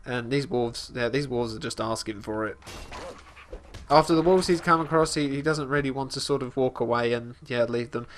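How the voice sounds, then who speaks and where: A man's voice: medium pitch, a little hiss or hum. Rambling man narrating his game. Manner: rambling, halting, with many restarts and fillers; narrates his character in third person. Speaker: let's play host. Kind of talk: casual gameplay commentary.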